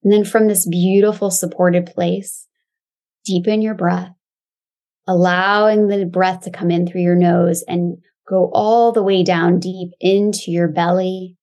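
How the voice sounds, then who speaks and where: A woman guiding a calm grounding exercise as a body-awareness teacher, giving soothing, gentle instructions. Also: on the low side, a little slow. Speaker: Pilates and embodiment teacher, guest.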